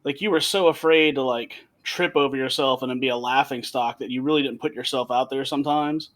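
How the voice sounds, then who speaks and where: A man's voice: mid-range voice, fairly even intonation, a little fast, fairly bright tone. A man co-hosting a podcast, chatting casually and animatedly over a remote call, laughing often and restarting his sentences. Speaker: podcast co-host.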